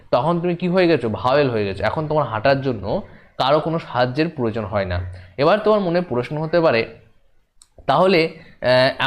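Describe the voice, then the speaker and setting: Male teacher, fairly high voice, slow and repetitive, talks straight to the class. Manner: slow, repeating points, addressing students directly. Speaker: teacher giving a demo class. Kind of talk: classroom lesson.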